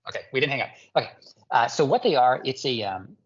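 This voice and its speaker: A man's voice: mid-range voice, expressive, quick pace, highs cut off. Chatty man from Hawaii. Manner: enthusiastic, rambling with many fillers. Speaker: guest ceramic artist. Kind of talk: casual interview chat.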